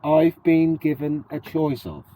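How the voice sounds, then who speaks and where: Speaking to his vlog audience and putting questions to them, this middle-aged Briton sounds sniffly from a cold. His fairly high, mellow voice moves unhurriedly in British English, and the poor audio carries slight background noise.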